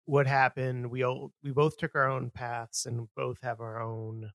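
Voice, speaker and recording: A man's voice: mid-range voice, level tone, unhurried, fairly bright tone, no echo, studio quality. A man co-hosting a podcast, laid-back and casual, often answering with short agreements. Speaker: podcast co-host. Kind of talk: casual music chat.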